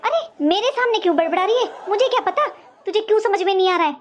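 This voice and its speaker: A woman voicing a sharp-tongued older mother-in-law in a cartoon, taunting and sarcastic in every line. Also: extremely high pitch, expressive, fast. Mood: sarcastic scolding. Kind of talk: cartoon voice acting.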